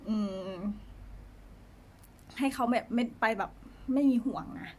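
A woman chatting to the camera about her pets in a soft, hesitant way, with frequent fillers. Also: a little high, slow. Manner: talks fondly to her pets. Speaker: pet owner vlogger. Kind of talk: casual chat to camera.

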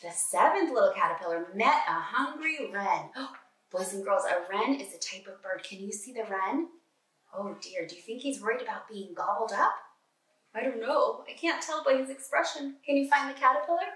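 Her voice runs on the high side at a normal speed as this middle-aged preschool teacher reads a picture book aloud, animated and encouraging, full of gasps, exclamations, and questions for young listeners. She's at a kitchen table at home, far from the mic, in a room with echo.

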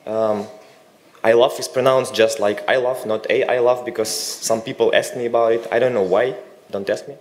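A man from Russia giving a technical conference talk, with relaxed joking asides. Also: medium pitch. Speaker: conference speaker. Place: conference hall.

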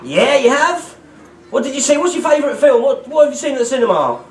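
A man's voice: very high-pitched, very animated, fast, far from the mic, slight background noise. A middle-aged British man doing exuberant kids party magician patter, calling out questions to the children. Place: on stage in a festival marquee. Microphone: distant audience camera picking up amplified voice. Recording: echoey tent PA, picked up from afar.

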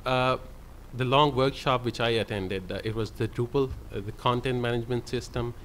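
Seated at a conference panel table, a male librarian gives a panel presentation into a table microphone, hesitating often and filling gaps with fillers. He speaks in a mid-range, fairly bright voice with fairly even intonation and a moderate pace. A little background noise can be heard.

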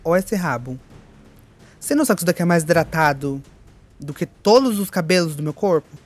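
A woman's voice: on the low side, lively intonation, a little fast, soft background music. A woman giving live gameplay commentary, campy and theatrical, with playful swearing at her opponents. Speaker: gaming streamer.

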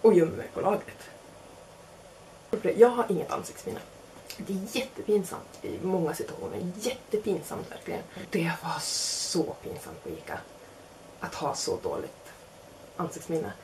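A woman's voice: on the low side, a little hiss or hum. A young woman casually telling a self-mocking anecdote, acting out the other people in it. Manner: animated, self-mocking, acts out quotes. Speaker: storyteller.

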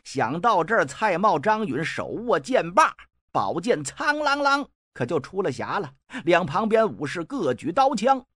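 A male storyteller narrates in the traditional oral style, colloquial and full of wry asides. His voice is animated, rising and falling a lot. The recording is dry and close. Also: high-pitched, measured pace, no echo.

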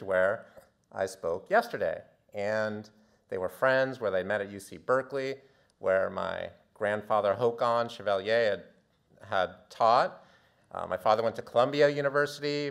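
A man in his fifties from the United States, a doctor telling a theatrical story from his youth in a talk, dropping low and quiet, then building to loud outbursts. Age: 50s. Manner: animated, theatrical, swings from quiet to shouting. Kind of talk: storytelling presentation.

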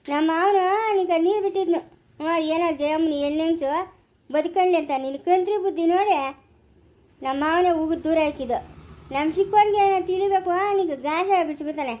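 Played by a woman with a very high, mellow voice, a quarrelsome village man scolds and rants indignantly in a rural Chikkaballapura Kannada accent. He speaks fairly quickly in repeated, defensive bursts, like a family skit.

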